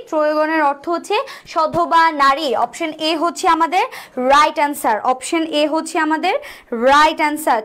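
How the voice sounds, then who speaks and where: High-voiced woman tutoring an exam class. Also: a bit bright. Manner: repeats each question and answer several times; spells out sounds slowly to demonstrate. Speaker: admission test tutor. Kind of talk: live online exam-prep class.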